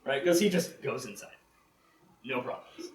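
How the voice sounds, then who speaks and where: A man telling folklore stories live at a convention, casual and animated, laughing often and saying "like" a lot. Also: medium pitch, moderate pace, a little hiss or hum. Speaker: storyteller. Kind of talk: live storytelling talk. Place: convention room, live audience. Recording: ambient roomy live recording.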